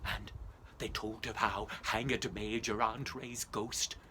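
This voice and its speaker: A man's voice: on the low side, steady tone, slow pace, sharp tone, slight background noise. An actor playing Ichabod Crane, a lean, vain, superstitious schoolmaster, telling his tale in a theatrical monologue with old-fashioned phrasing, sudden shrieks and whispers. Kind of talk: theatrical first-person storytelling monologue.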